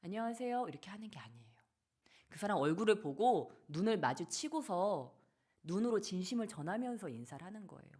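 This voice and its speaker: A woman pastor, likely in her thirties, preaching a sermon in a church, acting out quotes and dropping into soft asides. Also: mid-range voice, big pitch swings, a little fast, slightly rough. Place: church sanctuary.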